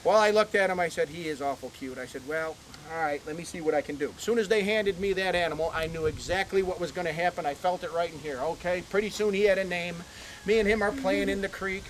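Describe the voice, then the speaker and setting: A man's voice: high voice, quick pace, slight background noise. A man telling folksy stories to visitors while giving an outdoor tour of his animal ranch, chatty and full of "okay?" asides. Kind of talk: casual storytelling to visitors. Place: outdoors on a ranch near a barn.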